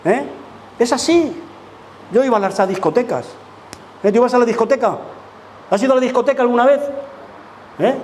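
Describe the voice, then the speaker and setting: In church, a man preaches a sermon as pastor, speaking emphatically and throwing many rhetorical questions at the congregation. His voice is very high-pitched and darkish in tone, fairly quick but broken by long pauses, with a slight hiss or hum in the recording.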